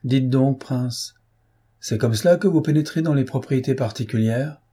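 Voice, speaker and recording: A man's voice: medium pitch, normal speed, dark tone, breathy edge, lightly acted. A man voicing a sly, mocking male baron, a villain in an audiobook reading. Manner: taunting, sneering. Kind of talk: audiobook character voice.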